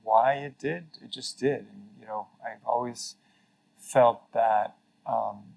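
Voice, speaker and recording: Taking it slowly, a middle-aged Mexican man speaks in a mid-range, creaky, slightly mellow voice. He is a casual interview's guest and a former carbon registry CEO, earnest and reflective, often restarting and filling pauses. Slight background noise marks the low-quality recording.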